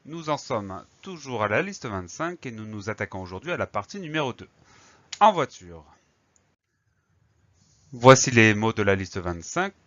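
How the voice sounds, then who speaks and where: A man's voice: fairly low pitch, very animated, normal speed, long pauses, a bit bright, dry recording, lo-fi sound. A man teaching a spelling lesson for children, patient, spelling words out letter by letter. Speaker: primary school teacher.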